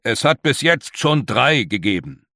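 A man's voice: medium pitch, big pitch swings, unhurried, gravelly, sharp tone, no room sound, clean studio sound, exaggerated voice. A man voicing a heavyset, irritable older male council member who speaks impatiently. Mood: irritated.

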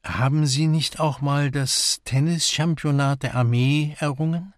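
A man's voice: fairly high pitch, fairly even intonation, unhurried, dry recording, clean studio sound, voice pushed up, lightly acted. A man voicing an eager young woman. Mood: curious. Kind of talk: audiobook character voice.

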